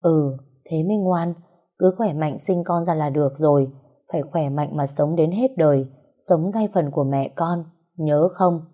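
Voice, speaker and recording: A woman voicing a gruff, loving old grandfather. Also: sits low, moderate pace, dark tone. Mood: tender scolding. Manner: scolding yet tender, choked up. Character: emotional elderly grandfather, gruff but loving.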